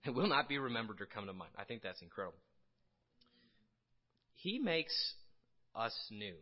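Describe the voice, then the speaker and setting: A man from Illinois preaching a casual sermon, conversational and halting, with frequent restarts and fillers. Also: lowish voice, very animated, lo-fi sound. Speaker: pastor.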